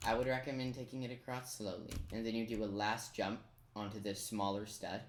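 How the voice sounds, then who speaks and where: Keyboard clicks and typing fill the background as a gamer gives a brisk, casual walkthrough of a game, step by step with playful asides. His voice is fairly low with fairly even intonation, recorded with roomy echo and noise.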